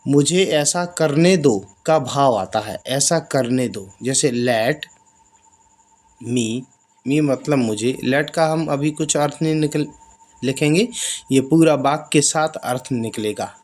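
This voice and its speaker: A man teaching basic English in Hindi, explaining each example and repeating the phrases slowly. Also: medium pitch, darkish tone. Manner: slow, drawn-out repetition of example phrases.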